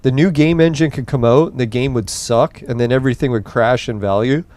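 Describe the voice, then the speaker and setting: Casually narrating his gameplay, a young man hosting a gaming podcast meanders, curses and stays laid-back while his voice tires late in the night. The voice is mid-range, fairly quick and a little mellow.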